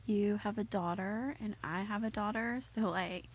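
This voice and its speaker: A woman's voice: mid-range voice, steady tone, moderate pace, breathy edge. A woman co-hosting a podcast, playful and teasing but earnest when she turns serious. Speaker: podcast co-host. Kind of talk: casual chat.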